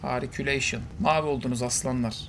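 A man voicing a grandiose male conqueror who gloats slowly in a low voice. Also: steady tone, very noisy, natural voice. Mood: gloating.

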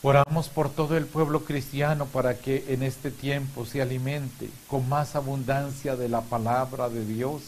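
Male priest, 50s, mid-range voice, measured and solemn homily and prayer delivery, hissy recording. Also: medium pitch, steady tone, a little mellow. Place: small indoor chapel room. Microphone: lapel mic. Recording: clear background hiss.

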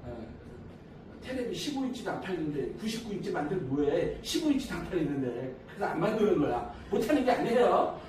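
A man's voice: high voice, sing-song, a little fast, darkish tone, slight background noise. A middle-aged man chatting with his dance partner, bragging and teasing with frequent laughter. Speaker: social dance instructor. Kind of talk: casual chat with a dance partner. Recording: echoey distant room mic.

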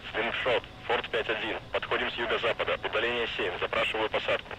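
A man voicing a male pilot calling in over a game radio link, his voice low and businesslike. Each call is short and clipped. A steady hiss of static sits under the transmission. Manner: brisk, clipped radio calls. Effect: radio transmission over headset.

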